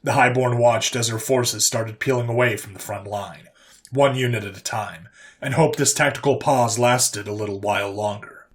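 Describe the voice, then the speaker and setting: A man narrating a military science fiction story in a steady, even reading voice. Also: mid-range voice, moderate pace. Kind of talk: scripted sci-fi story narration.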